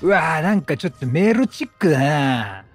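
Fairly quick and lively, a gaming YouTuber narrates a let's play in a higher, slightly husky voice. He keeps talking, exclaiming and arguing with the game while its music plays behind him.

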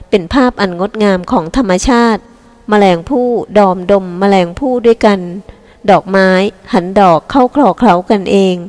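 A woman reading a novel aloud in a calm, steady storytelling voice. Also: mid-range voice, in a large hall. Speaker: audiobook reader. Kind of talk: scripted narration.

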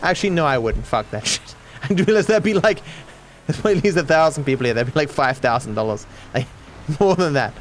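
An Australian-accented video game streamer chats casually with his live stream over gameplay, cracking dry, sarcastic jokes. His mid-range voice is animated and fairly quick, with slight background noise.

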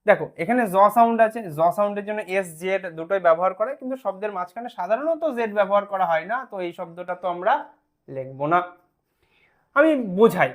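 An English spelling teacher giving an online lesson, patiently sounding words out syllable by syllable and often checking that students follow. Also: medium pitch.

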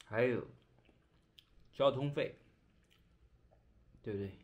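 In a small bedroom, a young adult man from China films a relaxed eating vlog, speaking through mouthfuls and pausing to chew between phrases. His mid-range voice moves at an unhurried pace.

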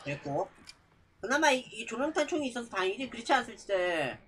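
A man's voice: very high-pitched, very animated, fast talker, noisy background. A man streaming a horror game live, startled and exclaiming, muttering to himself as he plays. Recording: game music behind the voice. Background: horror game music.

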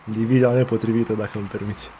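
Dude with a warm dark voice, jokey, swears a lot, hollers at the game, faint noise. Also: male voice, lowish voice, level tone. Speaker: gamer playing in a tournament. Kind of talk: casual gaming banter.

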